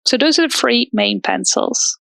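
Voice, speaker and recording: Speaking at a normal speed with lively intonation, a young Dutch woman gives a step-by-step drawing lesson, filler words included. Her voice is fairly high, creaky and fairly bright. The dry recording comes from a hairdresser's salon set up as a temporary studio.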